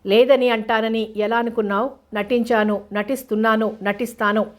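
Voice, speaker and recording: A woman voices a young stage actress, sarcastic and scornful toward her father. Her pitch stays flat and narrow, with a measured storybook delivery. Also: natural voice.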